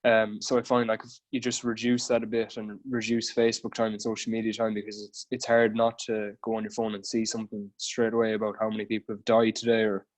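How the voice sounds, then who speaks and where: A man's voice: lowish voice, monotone, fast, hardly any pauses. A man from Galway with a west of Ireland accent, explaining things informally as a guest personal trainer in a casual podcast interview.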